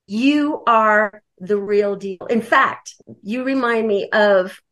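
A woman's voice: on the high side, a bit bright. A woman guest telling her own story candidly and emotionally, with lots of fillers. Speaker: coaching client and guest. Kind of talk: candid personal testimony.

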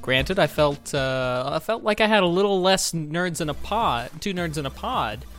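Guy on a podcast just chatting, kinda halting, repeats himself, highish voice, music behind. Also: animated, fairly bright tone. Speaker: podcast co-host. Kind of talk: casual chat.

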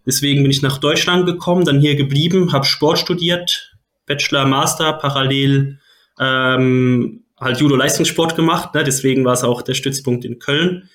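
A man from Switzerland, a guest coach, answering interview questions in a relaxed way, laughing often and tagging "ne?" onto his sentences. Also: mid-range voice, normal speed. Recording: echoey room.

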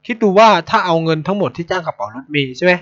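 His voice sits high and races along as the Thai host tells stories bluntly and animatedly, cursing freely in casual conversation. Audio quality is dull and lo-fi.

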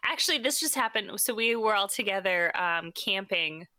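Bright-voiced young woman chatting on a podcast. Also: mid-range voice, normal speed, dry recording, clean studio sound. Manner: animated, laughs often, mimics her husband. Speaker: podcast co-host. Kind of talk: casual chat.

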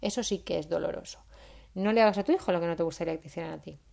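A woman's voice: lowish voice, racing, gravelly, warm tone. A woman, giving parenting advice in a casual, chatty monologue with frequent "¿vale?" tags. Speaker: parenting vlogger.

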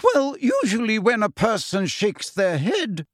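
A man's voice: very high voice, wildly swooping pitch, normal speed, no echo, studio quality, voice pushed up, heavily acted. A man voicing a stern, cold older female professor with a harsh, clipped manner.

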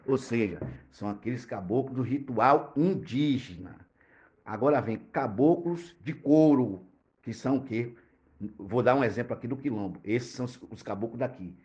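A man's voice: medium pitch, a little mellow, highs cut off. A man from Bahia, a teacher and cultural activist, earnestly explaining a topic to podcast listeners. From Bahia, Brazil.

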